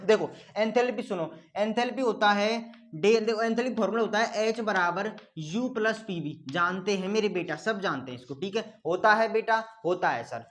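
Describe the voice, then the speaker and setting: A male teacher running an online lesson. He drills each point again and again. He plays the students' replies himself in a call-and-response style. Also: high voice. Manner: answers for his students himself; calls listeners "beta".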